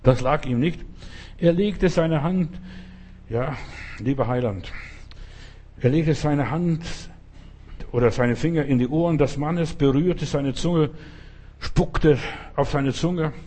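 A man with a slightly husky voice preaches a sermon, speaking bluntly and colloquially. He keeps turning to the listener to check they follow, and his pitch and loudness jump without warning. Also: slow pace, pauses often. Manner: talks straight to the listener with frequent "verstehst du?".

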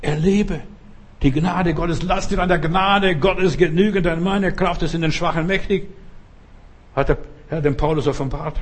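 A man's voice: fairly high pitch, breathy edge. A man preaching a sermon with fervent, exhorting, repetitive appeals.

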